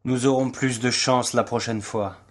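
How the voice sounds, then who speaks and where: A man's voice: mid-range voice, steady tone, unhurried, natural voice. A man voicing a suave, mocking aristocratic general who speaks with courtly irony. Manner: courtly and ironic.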